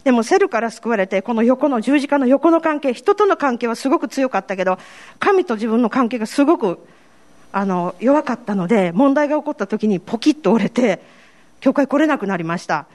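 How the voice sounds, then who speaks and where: A woman's voice: fairly high pitch, expressive, a little fast, a little mellow. A woman with a Kansai accent giving a personal faith testimony to a congregation, telling her story in a candid, self-deprecating way. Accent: Kansai Japanese. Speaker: church member giving testimony.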